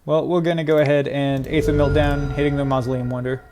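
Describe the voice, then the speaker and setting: A young man giving excitable live commentary on his own card game match, muttering one moment and crying out the next. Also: mid-range voice, fast talker, noisy background. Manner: excitable, swings from mutters to loud cries and laughter. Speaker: gaming video creator.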